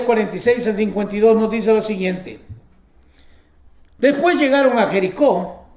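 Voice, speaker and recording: A man's voice: very high-pitched, a little mellow, roomy sound. A man preaching a sermon, reading scripture aloud and breaking in with emphatic exclamations.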